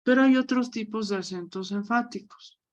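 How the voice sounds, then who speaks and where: A woman teaches an online language class. She keeps telling students to pay attention and leans on each question word. Her voice sits at an ordinary middle pitch for a woman. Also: moderate pace. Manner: repeats "fíjense", stresses question words.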